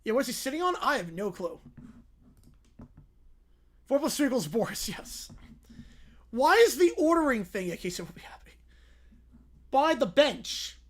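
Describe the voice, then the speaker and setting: A woman giving casual livestream reaction commentary, excitable and mocking, often gleefully repeating phrases. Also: fairly high pitch, normal speed, long pauses. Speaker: livestream host reacting to videos.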